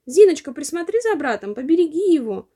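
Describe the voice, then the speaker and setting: A woman's voice: high voice, big pitch swings, a little fast, warm tone, voice pushed up. A woman voicing a caring, busy mother in a children's storybook. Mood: affectionate. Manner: affectionate.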